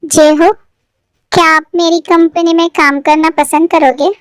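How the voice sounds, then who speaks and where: A woman's voice: very high-pitched, level tone, a little slow, no echo, clean studio sound. A woman voicing a kind, teasing young woman boss in a fan fiction story read aloud.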